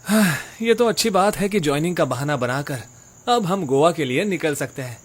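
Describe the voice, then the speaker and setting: A man's voice: a little high, animated, normal speed, husky. A man voicing a sly, scheming young man who swears and mutters asides in an audio drama. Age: young adult.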